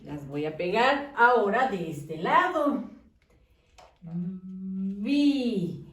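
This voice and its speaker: Slow sing-song woman teaching children. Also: on the high side, reverberant, distant mic. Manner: slow, sing-song, drawn-out syllables, praising. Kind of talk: children's phonics lesson.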